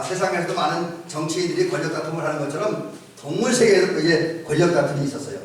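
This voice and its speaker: A male pastor giving a conversational sermon with frequent pauses and restarts, in an echoey church recording from a distance. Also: high voice. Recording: echoey church sound from far off.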